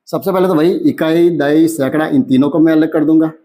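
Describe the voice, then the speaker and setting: Man, maths teacher, slightly high voice, mellow tone, asks and answers his own questions, slow careful number reading. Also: fairly even intonation. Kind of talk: classroom lesson explanation.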